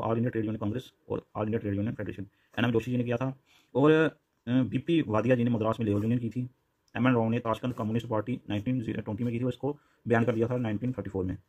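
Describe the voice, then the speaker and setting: A man talks quickly through quiz answers over a notebook filmed by a phone camera. His pitch sits in the middle range. He mixes Hindi and English, stops often to restart, and repeats names as he goes. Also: husky. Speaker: exam-prep teacher. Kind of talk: explaining quiz answers over handwritten notes. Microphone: phone camera over notebook, speaker off screen.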